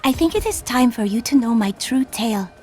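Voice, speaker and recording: Solemn, formal enchantress played by a woman, highish voice. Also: animated, a little mellow, soft background music, close to an everyday voice. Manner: formal, measured declarations. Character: solemn ancient enchantress, young-sounding and earnest. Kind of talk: video game voice acting.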